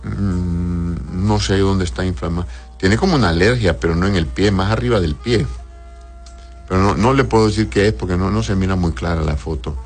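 A man's voice: low voice, normal speed, soft background music. A man who is a doctor, reading out viewers' questions and answering them with plain advice, often adding a questioning "right?" at the end. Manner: plain advisory tone, tags "¿verdad?".

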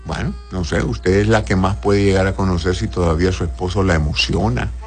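A man's voice: low voice, steady tone, a little fast, soft background music. A man who is a doctor, reading out viewers' questions and answering them with plain advice, often adding a questioning "right?" at the end. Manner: plain advisory tone, tags "¿verdad?".

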